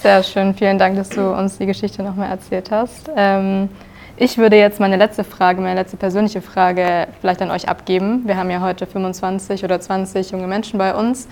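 A woman's voice: mid-range voice, level tone, normal speed, creaky, a little mellow. A woman moderating a live event, thanking a guest and opening the floor to questions.

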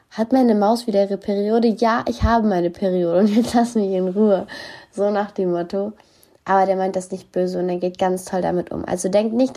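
A woman speaking as a host in a relaxed, mellow voice. She talks candidly and casually to her listeners. Her speech is slangy, with English phrases dropped in. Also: medium pitch.

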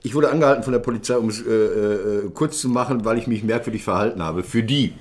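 Man, podcast co-host, casual storytelling, jumps to high voices for the people in his story, laughs a lot. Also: fast talker, a little hiss or hum. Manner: animated, acts out voices in his anecdote with big jumps up in pitch; laughs often.

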